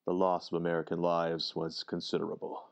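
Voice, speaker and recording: A male actor plays a distinguished, formal senior government official in the deliberate style of old-time radio drama. His deep voice is monotone and creaky, and his mood is grave and formal.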